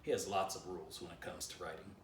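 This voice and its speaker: Seated by the fireplace at home, a man in his fifties reads his own children's book and chats playfully with young listeners. His voice is low and steady in tone, and he talks fast. The camera, a few feet away, makes the home recording sound roomy and slightly distant, with a little hiss or hum.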